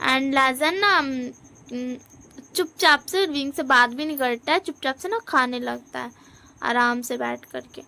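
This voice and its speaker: A woman's voice: sits high, measured pace, creaky, pushed and bright. A woman casually retelling a fan story with many hesitant fillers.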